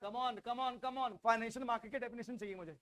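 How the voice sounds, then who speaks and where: A man from India with an Indian accent teaching a class, drilling students loudly and repeating questions for them to answer back. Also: extremely high pitch, a little fast. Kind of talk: classroom lecture with call-and-response drilling.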